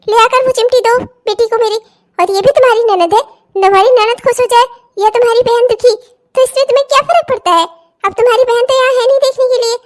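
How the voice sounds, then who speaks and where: A woman acting out a domineering older mother-in-law in a cartoon comedy. She scolds and lectures at a very high, shrill pitch. She speaks as though her word is final. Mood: lecturing. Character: bossy older mother-in-law who sides with her daughter.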